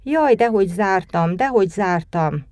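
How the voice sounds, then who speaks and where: A little girl playing a frightened wife, as a woman reading the story puts her on, pleading slowly and tearfully. Her tone is mellow and soft, recorded close and dry. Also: mid-range voice, animated, no room sound, lightly acted.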